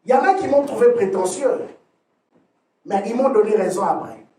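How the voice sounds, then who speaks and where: High-voiced man preaching in an echoey hall. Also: expressive, moderate pace, distant mic, a little hiss or hum. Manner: emphatic preaching with sudden swings from loud to soft; repeats words and restarts phrases. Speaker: pastor. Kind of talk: sermon. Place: church hall. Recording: echoey room, voice from off the mic.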